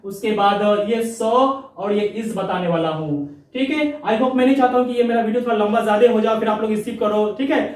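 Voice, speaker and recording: A man teaches English sounds, repeating each word and answering his own questions as he goes. His voice sits high and rings around a very echoey room, heard from some distance off the mic. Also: a little fast. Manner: explains step by step, repeats words, asks and answers himself. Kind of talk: online pronunciation lesson.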